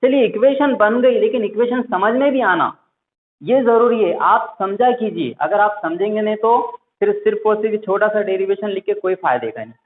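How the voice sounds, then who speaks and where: A man with a fairly high voice delivers a lecture, keeping up a steady run of questions that he answers himself. The sound bounces around the room, and the whole thing comes through a thin, phone-like line. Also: normal speed. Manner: asks the class questions and answers them himself. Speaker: teacher. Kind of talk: classroom lecture. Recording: echoey room over a tinny, phone-like line.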